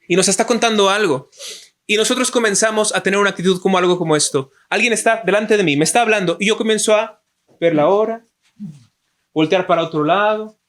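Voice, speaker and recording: A man's voice: high-pitched, fairly bright tone. A man with a Mexican Spanish accent preaching a sermon, asking rhetorical questions and acting out quoted excuses in a raised voice.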